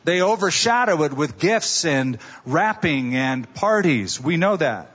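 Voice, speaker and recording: A man's voice: fairly high pitch, big pitch swings, a little slow, fairly bright tone, husky, long reverb tail, lo-fi sound. Man preaching at a pulpit microphone. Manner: conversational storytelling with rhetorical questions. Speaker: pastor. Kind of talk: sermon.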